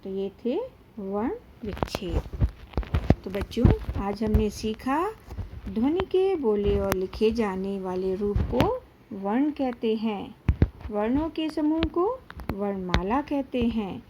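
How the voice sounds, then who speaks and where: Slow, careful woman teacher. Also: medium pitch, expressive, background noise. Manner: slow, deliberate, drawn-out syllables with frequent pauses. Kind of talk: slow classroom lesson for children.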